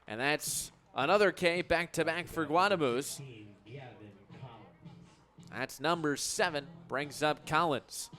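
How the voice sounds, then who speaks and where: Slow and full of long pauses, this slightly high, pushed, bright voice belongs to a man doing baseball play-by-play on radio. His clipped, punchy calls swell whenever a big play happens.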